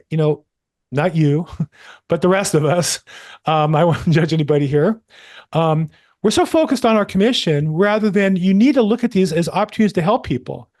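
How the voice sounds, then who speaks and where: On a group video call, a man with a fairly high voice coaches real estate agents as a probate coach hosting a live session. He is animated and encouraging, slipping in self-deprecating jokes, and the audio has a call-microphone quality.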